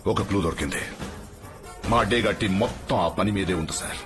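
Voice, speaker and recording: A man playing a calm, firm police officer with a deep voice, respectful yet unbending. Music sits clearly under his lines. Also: close to an everyday voice. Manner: polite, firm, measured, says sir often. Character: composed senior police officer answering a superior.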